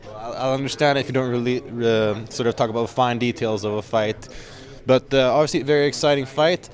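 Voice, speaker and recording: A man interviewing a fighter before an MMA event, asking measured questions with the odd filler. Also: mid-range voice, steady tone.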